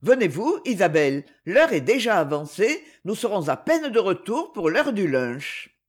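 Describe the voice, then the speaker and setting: A woman's voice: medium pitch, big pitch swings, normal speed, breathy edge. Woman reading haughty young lord, curt, commanding, hot-tempered. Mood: cold.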